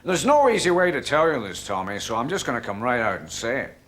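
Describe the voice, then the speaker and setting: A man's voice: medium pitch, big pitch swings, fast talker, fairly bright tone, slight background noise. A Scottish man playing a male club chairman who hesitantly rehearses how to break bad news. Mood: awkward. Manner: hesitant, rehearsing his lines. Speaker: club chairman sacking a manager. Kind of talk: sketch comedy acting.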